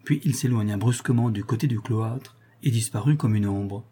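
A man narrating a classic novel in a steady, measured reading. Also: fairly low pitch, slightly rough. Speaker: audiobook narrator.

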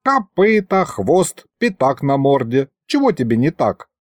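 A man's voice: mid-range voice, very animated, unhurried, dry recording. A man voicing a grumpy, quarrelsome old male ghost wizard who scolds and uses folksy old sayings. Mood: cranky.

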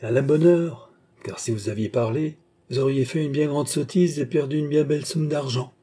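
A man plays a bold, sly swindler from a storybook, mocking and sure of himself as he barks out orders. His voice is mellow and a little husky. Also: medium pitch, moderate pace, pitched above the performer's own voice, natural voice.

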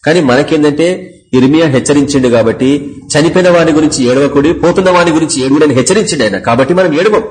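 A middle-aged pastor with a Telangana accent preaches in a fairly high voice. He is animated and leaps up in pitch as he acts out the voices he quotes. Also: fast, slight background noise, low-quality recording. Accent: Telangana Telugu. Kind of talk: sermon.

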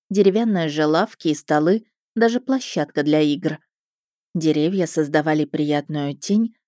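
A woman narrating a first-person story in a lively, expressive way. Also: sits low, no echo, studio quality. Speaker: audiobook narrator.

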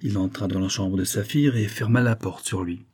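Man, audiobook narrator, classic novel, measured reading, dark mellow voice, husky. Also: on the low side.

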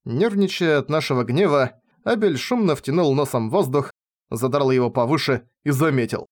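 Guy reading a fantasy story out loud, lively first-person telling, middle pitch. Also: moderate pace. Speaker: narrator. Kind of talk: audiobook reading.

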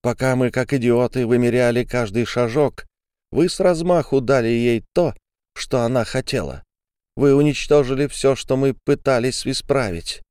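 A man reading an audiobook, voicing a furious, bitter young woman who hurls accusations in a shrill voice. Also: moderate pace, darkish tone, clear, resonant tone, no room sound, studio quality, close to an everyday voice.

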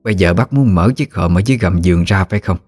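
Commanding elderly matriarch, read by a man in his own low voice, measured and unhurried. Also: no room sound, soft background music. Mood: stern. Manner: slow, calm, authoritative. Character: stern elderly grandmother, family matriarch.

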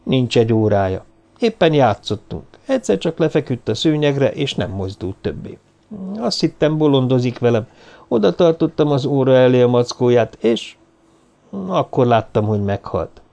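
A man's voice: medium pitch, very animated, dark tone. A man voicing a subdued young doctor. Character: young male doctor, shaken and flat.

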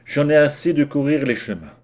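A man's voice: fairly high pitch, animated, a little fast, darkish tone, voice pushed up, lightly acted. A man voicing a poor, stubborn young carpenter in a storybook reading, answering bluntly and resolutely. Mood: defiant.

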